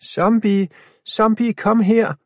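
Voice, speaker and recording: A man voicing a sharp-tongued schoolgirl of about ten in a storybook reading, calling out urgently. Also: mid-range voice, completely flat delivery, gravelly, no echo, clean studio sound, voice pushed up. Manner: shouting, bossy.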